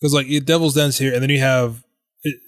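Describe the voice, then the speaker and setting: A man's voice: mid-range voice, fairly even intonation, brisk, no room sound, clean studio sound. A young adult man co-hosting a podcast in casual chat, rambling and filling his sentences with "like". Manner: rambling, heavy use of "like". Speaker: podcast co-host.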